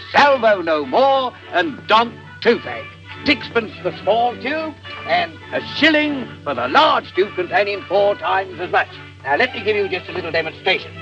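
Glib, high-pitched British street salesman. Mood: grandiose, persuasive. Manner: theatrical, fast-talking hawker's patter with mock-learned flourishes. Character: glib street salesman hawking toothpaste, pushy and patronizing. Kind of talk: 1930s British film acting, sales patter. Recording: muffled old film soundtrack with music.

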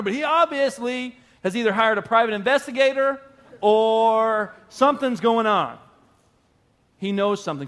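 Higher-voiced man preaching conversationally. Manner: conversational, animated storytelling. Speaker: pastor. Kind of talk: sermon.

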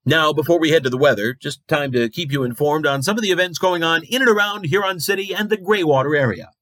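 A man playing a frazzled, lonely local radio host with deadpan, rambling comic patter. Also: on the high side, fast talker, no room sound, close to an everyday voice. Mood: brisk announcing. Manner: rambling, deadpan patter that slips into weary muttering. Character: frazzled, lonely male radio advice host, darkly cheerful.

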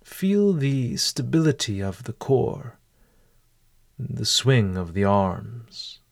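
A man leading a guided walking meditation in a calm, deliberate, measured way. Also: mid-range voice, gravelly.

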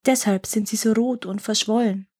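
A woman voicing a lying, scheming young servant maid who fawns and flatters. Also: on the high side, moderate pace, slightly rough. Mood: fawning. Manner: sly, fawning replies.

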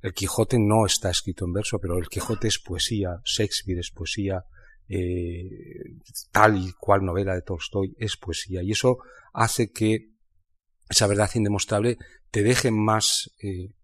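A man from Spain talking about literature in a reflective conversation, thinking aloud with many pauses and restarts. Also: on the low side, level tone, breathy edge. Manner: thoughtful, halting, many restarts and fillers. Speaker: writer in conversation.

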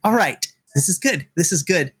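A man voicing an excitable ten-year-old girl who chatters eagerly and asks lots of questions. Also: high-pitched, normal speed, breathy edge, heavily acted.

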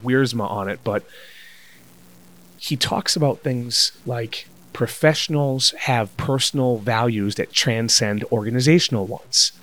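A man's voice: mid-range voice, a little slow, a bit bright. A man who teaches MRI technologists, telling stories as a guest in a casual conversation.

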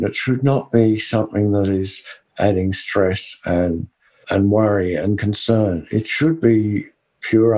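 Man, West Texas twang, low mellow voice, earnest podcast co-host, emphatic conversational advice. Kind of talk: conversational business advice talk.

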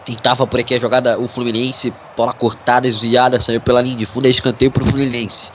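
A man's voice: mid-range voice, level tone, quick pace, a bit bright, slight background noise. A Brazilian man giving live play-by-play football commentary for a web radio broadcast.

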